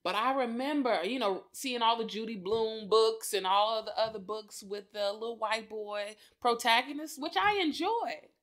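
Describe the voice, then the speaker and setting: A woman's voice: a little high, moderate pace, few pauses, fairly bright tone. A woman hosting a podcast, speaking in a chatty, personal way, calling listeners y'all and laughing often. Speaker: podcast host. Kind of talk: personal reflective address.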